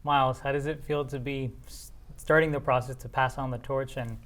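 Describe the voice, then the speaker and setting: A man's voice: mid-range voice, steady tone, fairly quick, a bit bright. A man hosting a community TV interview, friendly and affirming, with frequent mm-hmms. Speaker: host.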